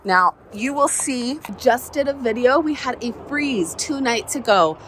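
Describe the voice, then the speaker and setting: A woman from southern Alabama walks her garden and talks to a phone held at arm's length, her slightly high, fairly bright voice expressive and measured in pace. As a garden vlogger she's chatty and upbeat, full of folksy asides. Slight background noise, faint outdoor ambience and passing helicopters come through.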